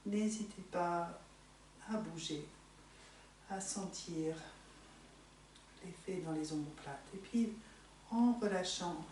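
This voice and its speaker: A woman teaching yoga in a soothing, unhurried, gently encouraging manner, giving slow guided instructions. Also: lowish voice. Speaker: yoga teacher leading a morning class. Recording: echoey room, distant mic, faint noise.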